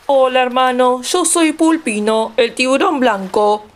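A woman's voice: high-pitched, unhurried, pitched above the performer's own voice. A woman voicing a small naive male octopus who pretends to be other sea animals. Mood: eager.

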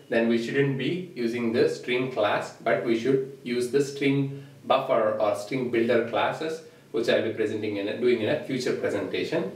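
With a mid-range voice, a male programming instructor who speaks Telugu as his first language gives a whiteboard tutorial lecture in a small room. Steady and explanatory, he keeps pointing at the board, and the faraway camera mic leaves his voice distant and echoing.

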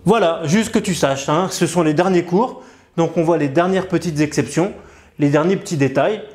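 A man's voice: a little high, normal speed, a little mellow. A male reading teacher giving a patient bilingual lesson. He repeats each word and checks for understanding.

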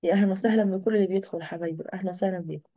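Fast-talking Egyptian woman teacher. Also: mid-range voice, fairly even intonation, no room sound, lo-fi sound. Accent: Egyptian Arabic. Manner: asks and answers her own questions. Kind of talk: online exam review lesson.

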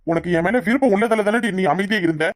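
A man's voice: high-pitched, quick pace, dry recording, studio quality, close to an everyday voice. A man voicing a young cartoon husband, hot-tempered, brooding over his feelings and possessive.

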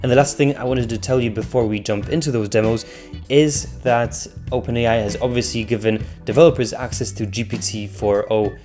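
A chatty male host talks over tech demos at a middling pitch. He tosses in joking asides, and a faint guitar track plays behind him. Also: fairly even intonation, brisk, a little mellow. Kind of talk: casual commentary.

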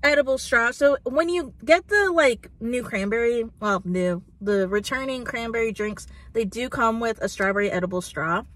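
A woman in her twenties with a fairly high voice talks at a moderate pace, barely pausing, as she reviews food in a parked car. Her phone camera on the dashboard catches her chatty style, heavy on "like" and "um."

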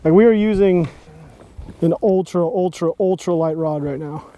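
A young man, chatting excitedly from a bass boat on a lake while he fishes and films himself on an action camera. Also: moderate pace, slight background noise. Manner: excitable, chatty, lots of exclamations. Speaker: fishing vlogger. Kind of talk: casual outdoor chat while fishing. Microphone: action camera mounted on the boat.

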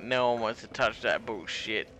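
A man, hosting drunken gameplay commentary with loud swearing and laughing outbursts. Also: lowish voice, normal speed, over loud music. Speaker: gaming channel host.

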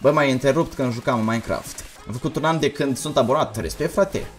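A young man livestreaming a game, talking fast and energetically while reading out chat messages. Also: medium pitch, soft background music. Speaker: gaming livestreamer. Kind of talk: casual livestream commentary.

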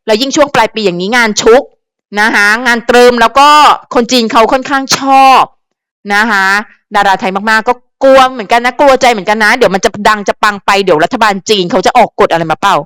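Chatty woman host with a crisp voice. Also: on the high side, fast talker, fairly bright tone, dry recording. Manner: chatty, frequent fillers and repetitions; advisory, talks directly to viewers. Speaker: channel host commenting on celebrity news. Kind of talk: casual chatty commentary.

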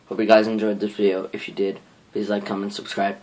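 A man's voice: on the low side, a little mellow. A man vlogging at home on a handheld camera, rambling with fillers and sounding easily frightened. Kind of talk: casual vlog reaction. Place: indoors at home, in a dim room. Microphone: handheld camera mic.

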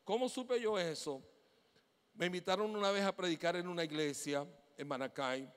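High-voiced Venezuelan pastor preaching. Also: male voice, moderate pace, clean tone, big-room sound. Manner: animated storytelling, acting out dialogue. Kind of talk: sermon. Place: church hall.

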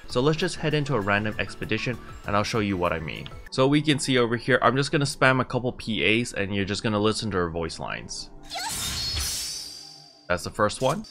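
A young adult man hosts a video game tutorial, explaining step by step in a casual, conversational way. His voice is fairly low but a bit bright, recorded in a small room at home.

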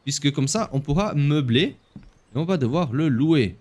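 A man's voice: on the high side, lively intonation, normal speed, darkish tone. A man hosting a let's play, commenting on the game in a playful, joking way. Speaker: gaming video host.

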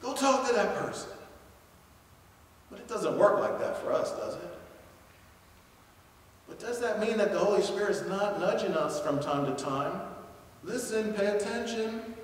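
A man's voice: sits high, normal speed, pauses often. A male pastor giving a conversational sermon, acting out little everyday dialogues and chuckling at his own jokes. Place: church sanctuary. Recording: echoey church hall, mic at a distance.

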